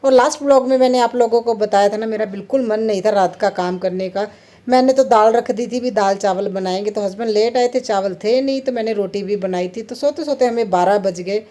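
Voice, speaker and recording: Cooking at home, a thirty-something woman vlogs to her audience in a brisk, warm, mid-range voice. The talk is relaxed kitchen chatter, and she breaks into laughter often.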